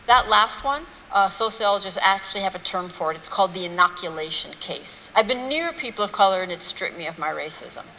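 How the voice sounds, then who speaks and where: A woman's voice: mid-range voice, expressive, brisk, hardly any pauses, pushed and bright, slight background noise. A woman giving a public lecture to a live audience, blunt and rhetorical, with mocking asides. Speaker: speaker giving a talk on race. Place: large hall with an audience. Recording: hall reverb, faint room ambience.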